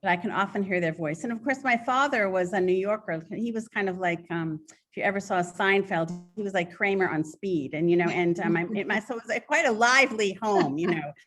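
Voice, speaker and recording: A woman's voice: medium pitch, fairly quick, fairly bright tone, faint music behind. A middle-aged woman poet talking in an interview, chatty and digressive with frequent restarts, at times reading her poems aloud. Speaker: poet and author guest. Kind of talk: conversational interview and poetry reading.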